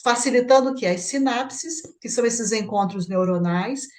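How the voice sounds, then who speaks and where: A Brazilian woman hosts a spiritist book study, reading out passages and explaining them in her own words. Her voice sits a little high for a woman, and she keeps turning to her partner to confirm a point. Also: moderate pace. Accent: Brazilian Portuguese. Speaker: study group host.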